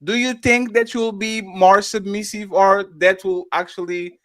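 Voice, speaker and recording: A man's voice: high voice, steady tone, moderate pace, a bit bright. A man with a Russian accent, speaking as a panelist in a debate.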